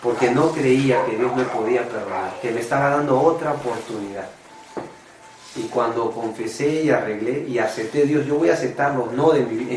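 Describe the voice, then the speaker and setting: A man's voice: mid-range voice, a little mellow, recorded from a distance, slight background noise. Earnest preacher man in echoey room. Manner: earnest, confessional, addresses listeners as brothers. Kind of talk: testimony sermon. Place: church meeting room.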